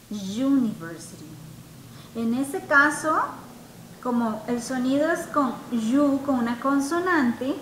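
A woman's voice: sits high, a bit bright, roomy sound, slight background noise, low-quality recording. A woman teaching an English class to Spanish speakers, patiently repeating each example word for her students. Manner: patient, repeats words slowly for learners. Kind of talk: online class explanation.

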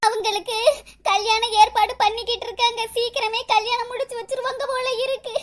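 A woman voicing Vasuki, a shy, tearful young village girl in a cartoon, who speaks in a hesitant, halting way with a southern Tamil Nadu rural dialect. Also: very high voice, fairly even intonation.

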